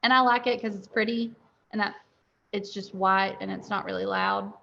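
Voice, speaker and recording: A woman's voice: mid-range voice, steady tone, normal speed, vocal fry, bright, forceful tone. A young woman who owns a dental lab, answering questions candidly in a webinar interview over a video call. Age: young adult. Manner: candid, chatty, laughs easily. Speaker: dental lab owner and guest. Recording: dull lo-fi call audio.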